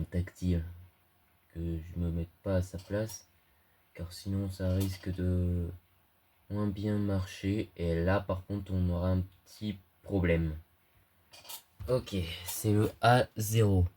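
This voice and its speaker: Speaking slowly in a low, dark voice, this young hobbyist electronics YouTuber has a cold that leaves him stuffy. His casual screen-recorded tutorial is hesitant, slangy, and packed with filler words.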